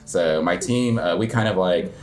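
This coffee shop owner from the United States speaks in a low, slightly mellow voice at an ordinary pace. As an interview guest, he wanders loosely through his answers in a relaxed way, leaning on "like" again and again.

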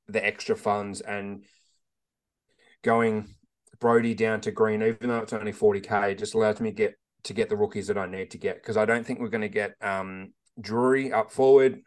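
Measured, low-voiced male podcast co-host. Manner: measured, lists names plainly, explains his reasoning at length. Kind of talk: casual sports podcast chat.

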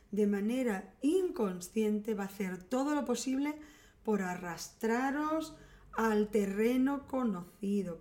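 A woman with an accent from Spain, calmly explaining relationship advice to her viewers in a teaching tone. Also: mid-range voice.

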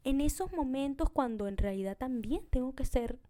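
A woman's voice: high-pitched, expressive, moderate pace, warm tone, no echo. Chatty woman hosting a podcast. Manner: chatty, talks straight to listeners with frequent "you know?" tags; mixes English words into her Spanish. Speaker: podcast host. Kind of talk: casual solo podcast monologue.

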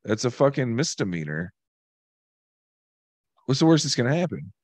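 A man with a scratchy voice, co-hosting a podcast and telling profane, animated stories in casual banter. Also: medium pitch, normal speed, husky, no echo. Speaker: podcast co-host.

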